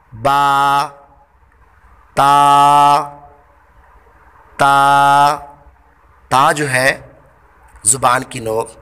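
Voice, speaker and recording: Slow, bright-voiced man teaching letter sounds. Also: mid-range voice. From Pakistan. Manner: draws out each letter sound loudly, then explains calmly. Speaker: Quran recitation teacher. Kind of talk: slow, deliberate pronunciation lesson.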